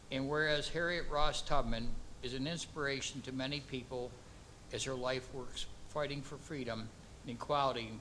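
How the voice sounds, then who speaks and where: A man serving as mayor, reading a formal proclamation and then speaking off the cuff with halting, repeated words. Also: medium pitch, bright, forceful tone, a little hiss or hum, low-quality recording.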